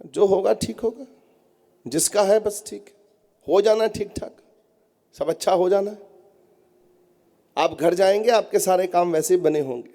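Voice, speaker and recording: A man's voice: high voice, measured pace, long pauses, mellow. A man giving a devotional sermon to a congregation, talking to them directly in an earnest, coaxing way. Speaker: spiritual teacher. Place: prayer hall at a gathering.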